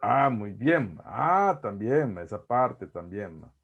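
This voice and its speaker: A man with a Salvadoran accent giving an online psychology lecture, halting and repeating words, often ending phrases with a questioning tag. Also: lowish voice, very animated, gravelly. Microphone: video call. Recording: dull lo-fi video call audio.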